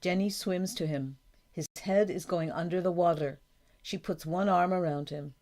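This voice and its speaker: A woman reading a storybook for learners aloud, slowly and carefully, announcing each page. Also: lowish voice, darkish tone. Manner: slow, careful, clear reading. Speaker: audiobook narrator. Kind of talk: scripted narration of a graded reader.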